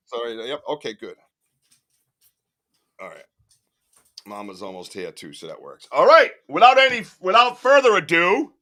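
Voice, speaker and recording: A man hosting a casual live stream, chatty and excitable, laughing often and swearing casually. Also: mid-range voice. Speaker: podcast host on a live stream.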